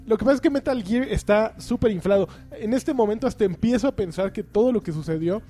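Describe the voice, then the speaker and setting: A man's voice: high-pitched, fast, mellow, faint music behind. A man, hosting a casual gaming podcast, chatty and joking as he rambles on. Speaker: podcast host. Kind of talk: casual chat.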